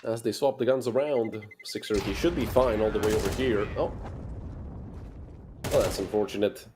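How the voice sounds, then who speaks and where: Energetic male esports caster. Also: on the low side, background noise. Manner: energetic, quick reactions with dry asides. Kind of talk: solo play-by-play commentary.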